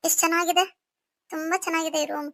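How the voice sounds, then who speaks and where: Janya, a very high-pitched young wife. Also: female voice, flat delivery, fast, very noisy. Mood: admiring. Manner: pleading, questioning. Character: young orphaned wife, doubting and tender. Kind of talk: cartoon story voice acting.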